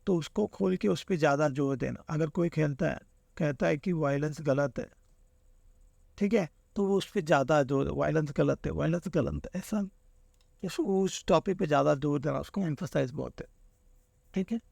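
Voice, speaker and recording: A man's voice: fairly high pitch, normal speed, creaky, darkish tone, dry recording. A man teaching an exam-prep lesson, walking through answer options and explaining each with everyday examples. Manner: explains with everyday examples, keeps saying "theek hai".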